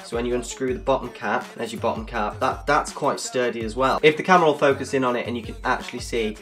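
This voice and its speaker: A man's voice: mid-range voice, fairly bright tone. A man giving a casual, jokey product review, explaining things step by step.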